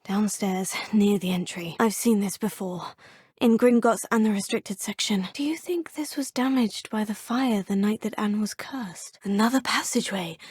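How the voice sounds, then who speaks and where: These video game voice lines belong to the player character, a curious schoolgirl witch at a wizarding school, voiced by a woman whose voice is on the high side, a little mellow, and husky. She comes across as polite, earnest, and inquisitive, often murmuring to herself, recorded close-miked in a clean studio with no room sound.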